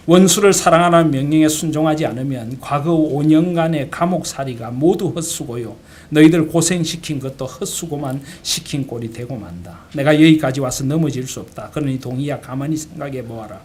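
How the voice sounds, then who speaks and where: A man's voice: fairly high pitch, fairly quick, hardly any pauses, a little mellow, close to an everyday voice. A man playing a steadfast old father. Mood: firm. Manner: earnest, firm, fatherly. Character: steadfast elderly father pastor, gently firm.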